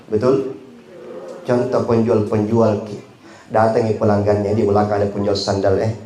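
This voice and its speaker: A man's voice: fairly low pitch, little pitch movement, moderate pace, a crowd in the background. A man preaching with a Makassar Indonesian accent delivers a humorous sermon at a memorial gathering. He tells jokey stories and imitates the voices of the people in them. His voice rings through a roomy space while the audience laughs along. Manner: jokey storytelling, acting out other voices. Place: memorial gathering in a market complex.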